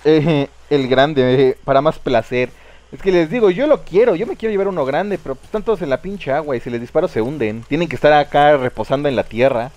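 Young Mexican male streamer, slightly raised voice, loose and excitable, swears freely while he plays. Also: fairly high pitch, brisk. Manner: casual, excitable, swears freely, talks to chat. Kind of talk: live gameplay commentary.

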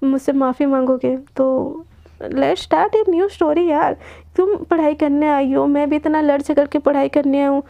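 A woman's voice: high-pitched, creaky. A woman voicing a defiant young woman student who talks curtly and dismissively. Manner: curt, dismissive. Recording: dull lo-fi recording.

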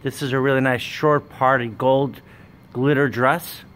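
A man, running a wholesale business, giving a plain walkthrough sales pitch in a warehouse, listing items one by one while filming on a handheld phone. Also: steady tone, unhurried, fairly bright tone. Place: indoor warehouse with dress racks. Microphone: handheld phone camera, speaker off screen.

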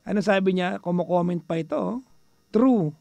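A man with a Filipino accent hosting a radio call-in show, chatty and teasing, mixing Tagalog and English, now and then bursting into loud exasperated rants. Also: sits high, moderate pace, creaky, no echo. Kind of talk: casual radio talk with listeners.

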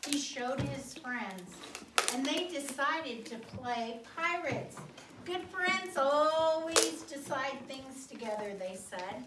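In this clip, a guest storyteller in her middle years shares a picture book with a class of children, drawing out words expressively and checking in with questions along the way. She has a high, expressive voice and takes a slow pace. Captured indoors by a distant phone or camera on the far side of the room, the audio is roomy and noisy.

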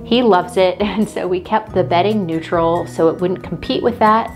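Woman, home tour voice-over, homey and unhurried, soft music underneath. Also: lowish voice. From Texas. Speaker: home vlogger. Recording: faint background music.

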